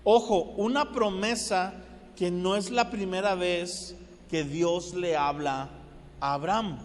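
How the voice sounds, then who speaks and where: A man delivers a sermon in a conversational, storytelling way, often checking in with his listeners. His voice sits high for a man. The sound carries a long reverb, as from a large church hall. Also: steady tone, slow. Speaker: pastor.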